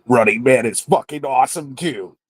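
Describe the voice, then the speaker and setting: A man chatting casually on a panel in a gravelly movie trailer announcer voice. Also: moderate pace, no echo, studio quality. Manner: deep gravelly movie trailer announcer delivery as natural talking voice. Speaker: panelist and film reviewer. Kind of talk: casual chat.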